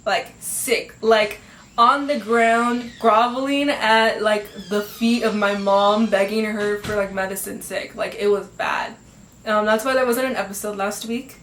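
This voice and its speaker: A teenage girl hosts her own podcast from an echoey home room with faint ambience, chatting casually and upbeat with lots of fillers and laughs. Her medium-pitched voice is steady, unhurried, and a bit bright, sounding a bit nasal from congestion.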